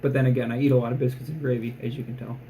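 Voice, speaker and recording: A man giving a casual food review in a low-key, rambling, dryly joking way. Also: flat delivery, rapid-fire, warm tone, slight background noise. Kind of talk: casual product review vlog.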